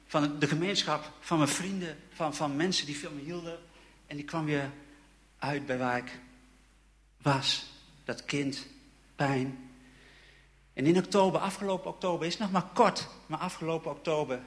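A young man telling his personal faith testimony in an emotional, halting way, with many repeated words and restarts. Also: on the high side, a bit bright. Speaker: church member giving a testimony.

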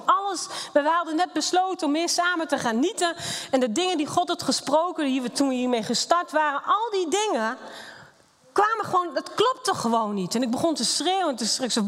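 A woman's voice: high voice, a bit bright. Middle-aged woman, blunt and emotional personal testimony, long hall reverb. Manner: candid and blunt, emotional storytelling. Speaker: speaker sharing a personal testimony.

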